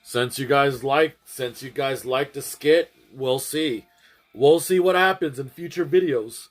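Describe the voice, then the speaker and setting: A man's voice: mid-range voice, a little slow, soft background music. A man chatting casually to his livestream audience, rambling and often restarting and repeating his phrases. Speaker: streamer.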